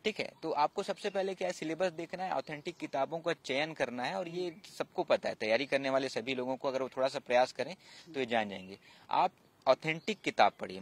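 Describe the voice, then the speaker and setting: Man patiently explaining exam preparation advice. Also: a little high. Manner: explanatory, repeats key points. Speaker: civil services officer and guest. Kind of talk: interview advice.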